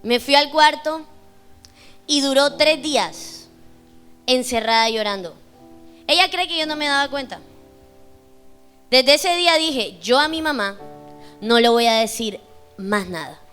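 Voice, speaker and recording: Young female preacher, emphatic testimony sermon, high bright voice. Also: expressive, measured pace, long pauses, clean tone. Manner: emphatic, preaching with rising intensity. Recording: faint music behind the voice.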